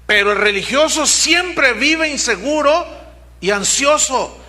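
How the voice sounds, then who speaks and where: Animated, bright-voiced male preacher. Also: extremely high pitch, slow pace. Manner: animated preaching, acts out quoted people. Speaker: pastor. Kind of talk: sermon.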